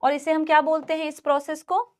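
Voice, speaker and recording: A woman teaching a class, mixing Hindi and English. She asks questions and answers them herself, and repeats key words slowly so students can write them down. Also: sits high, little pitch movement, darkish tone. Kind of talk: classroom lesson, dictating notes.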